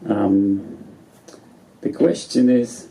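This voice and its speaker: A man's voice: fairly low pitch, steady tone, drawn-out words, mellow, poor audio. A man in his thirties from Poland with a Polish accent, doing chatty, self-deprecating open mic stand-up. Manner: chatty, self-deprecating, often laughing mid-sentence. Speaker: stand-up comedian. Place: small club stage in front of an audience.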